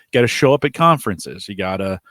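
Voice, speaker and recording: A man's voice: on the low side, lively intonation, quick pace, a bit bright, no room sound, studio quality. A man co-hosting a casual podcast chat, talking thoughtfully and often restarting his sentences. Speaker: co-host.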